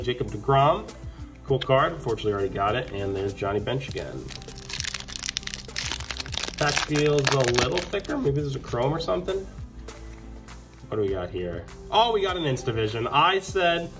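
With a mid-range, slightly bright voice, a man gives relaxed commentary as he rips open trading card packs. He names every card and perks up at the good pulls, while music plays underneath.

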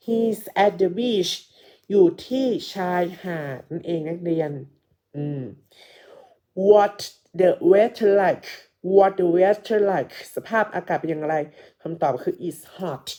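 A woman's voice: on the low side, a little slow, warm tone, highs cut off. A woman teacher giving a patient English lesson, repeating each phrase and translating it for her students. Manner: asks the students questions and calls them kids. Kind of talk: slow classroom English lesson explained in Thai.

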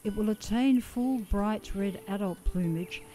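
A woman with an Australian accent giving calm, scripted nature documentary narration as a voice-over. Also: medium pitch, unhurried.

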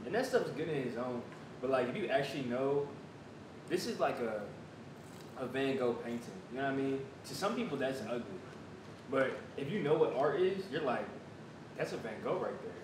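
An American man in his twenties talks through a casual food review, chewing as he speaks. He is picked up from across a bare, echoey room, with a clear low rumble behind him. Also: expressive, normal speed, recorded from a distance. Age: 20s. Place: small bare room at a table, indoors. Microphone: camera several feet away.

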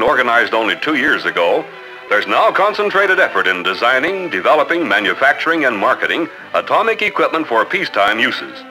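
A man narrating an old 1950s newsreel in a brisk, upbeat announcer manner. His voice is very bright and swings lively up and down. Faint music sits quietly behind him. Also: mid-range voice, rough recording.

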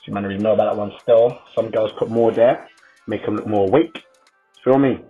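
A man's voice: on the low side, fairly even intonation, fairly quick, breathy edge. A young man with a London roadman accent and slangy delivery, giving casual, joking commentary as a voice-over. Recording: slightly muffled, music behind.

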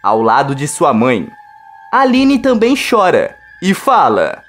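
A woman narrating a soap opera recap in a slow, steady storytelling manner. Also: sits low, soft background music.

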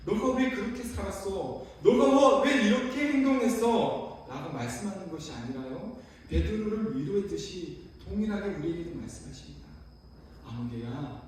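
Brief: young male preacher, high voice, heartfelt testimony style, recorded far off in a reverberant church hall. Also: darkish tone, a little hiss or hum. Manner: heartfelt personal testimony with many fillers. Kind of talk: sermon. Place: church sanctuary.

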